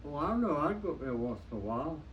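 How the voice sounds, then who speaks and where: An elderly American man, a veteran remembering his service in an interview in a plain-spoken, halting, folksy way. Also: fairly high pitch, very animated. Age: 90s. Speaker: WWII veteran being interviewed. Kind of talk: interview reminiscence. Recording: dull lo-fi sound with faint noise, distant mic.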